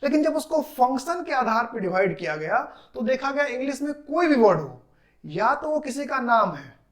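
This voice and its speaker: A man teaching English grammar in a classroom lecture. He asks questions, answers them himself and repeats key terms slowly. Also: very high voice, big pitch swings. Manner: drills terms with repetition.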